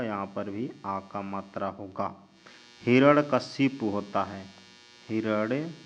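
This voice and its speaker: Guy slowly spelling out words for a class, asks then answers himself, lo-fi with mains hum. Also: fairly low pitch, fairly bright tone. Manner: slow, drawn-out spelling of words, asks and answers his own questions. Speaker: teacher. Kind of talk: spelling lesson while writing on a board. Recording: dull lo-fi recording with mains hum.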